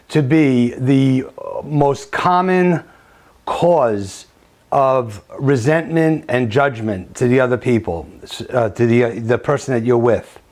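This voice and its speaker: A middle-aged male therapist giving a lecture-style talk, halting, with many fillers and restarts. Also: medium pitch, darkish tone.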